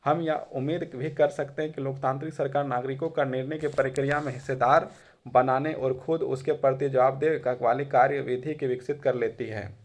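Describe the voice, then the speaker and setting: A man's voice: mid-range voice, steady tone, moderate pace. A man giving a classroom lecture in a conversational way, repeating phrases for emphasis. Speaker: teacher.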